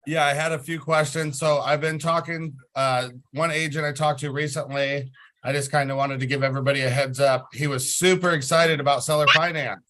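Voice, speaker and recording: A man in a group video call who asks questions and rambles in a relaxed, casual way. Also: a little high, a little fast. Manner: relaxed and rambling, acts out his own past talk. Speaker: group member asking questions.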